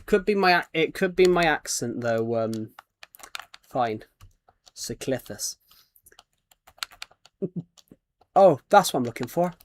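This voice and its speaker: This British streamer chats loosely while gaming, wandering between topics and reading out viewer names and comments. He speaks in a slightly high, animated voice, taking his time and pausing often, with slight background noise.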